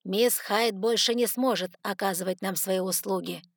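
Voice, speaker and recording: A stubborn, suspicious doctor, as a woman reads him snaps back in a storybook audiobook. The voice is mid-pitched, the recording dry. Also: moderate pace, no echo, lightly acted. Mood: hostile.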